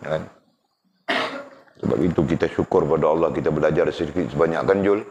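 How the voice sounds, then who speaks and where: A man with a very low voice teaches a religious class. He talks in a conversational way and keeps checking in with his students through rhetorical questions. The recording is muffled and lo-fi. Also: a little fast, a little mellow, slight background noise. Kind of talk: religious lesson. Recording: dull lo-fi recording.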